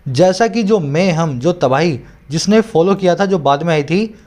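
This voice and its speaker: On the high side and a little mellow, his voice moves at normal speed with lively intonation. He's an English tutor explaining a newspaper editorial in Hindi mixed with English terms, speaking with an Indian English accent and regularly checking the learner is following.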